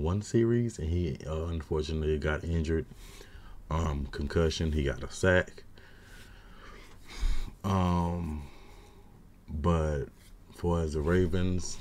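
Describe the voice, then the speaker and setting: A man in his thirties giving casual, opinionated postgame football commentary from a small room at home on a webcam, with lots of slang and fillers. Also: a bass voice. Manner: opinionated, gets loud and exasperated when ranting. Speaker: sports fan commentator.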